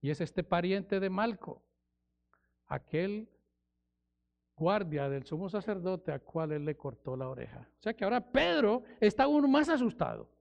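Male preacher, high gravelly voice, dramatic expository delivery, dull lo-fi recording. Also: sing-song. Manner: dramatic, acts out quoted voices, slows for emphasis. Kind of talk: expository sermon.

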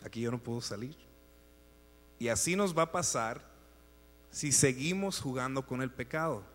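A man delivers a sermon with emphatic, deliberate phrasing, rising to loud exhortation and then dropping to hushed asides. His voice sits at an ordinary middle pitch. The recording carries a long hall reverb and a faint electrical mains hum underneath. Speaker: preacher.

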